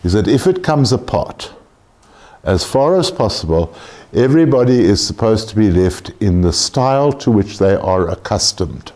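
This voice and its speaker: Blunt joking tax lecturer. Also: male voice, on the low side, sing-song, normal speed, a little mellow. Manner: blunt, joking, swears casually. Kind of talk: informal lecture to a class.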